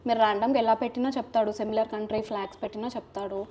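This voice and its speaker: A mother speaking casually in an interview, then patiently quizzing her small child and coaxing louder answers. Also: fairly high pitch, fairly even intonation, rapid-fire, dull audio, slight background noise.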